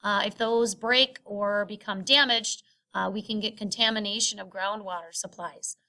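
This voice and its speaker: Bright-voiced woman teacher narrating a screencast lesson. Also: medium pitch, steady tone. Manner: halting, explanatory teaching delivery with frequent filled pauses. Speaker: science teacher. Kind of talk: recorded lecture narration, explanatory screen recording. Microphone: screen recording voice-over.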